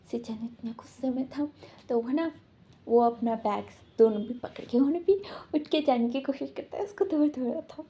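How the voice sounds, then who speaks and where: A woman's voice: sits high, mellow. A woman casually retelling a fan story, rambling with lots of repeated fillers. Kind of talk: casual story recap narration.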